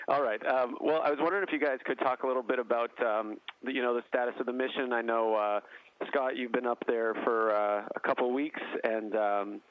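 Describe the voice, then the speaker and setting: A man working as a news reporter, asking informal, halting interview questions over a phone line. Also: mid-range voice, steady tone, no room sound. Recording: tinny, dry phone line.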